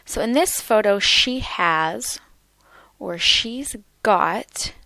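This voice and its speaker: A woman teaching English vocabulary, speaking slowly and carefully and repeating words for learners. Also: medium pitch, animated, vocal fry, bright, forceful tone, dry recording. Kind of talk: slow, clear vocabulary lesson.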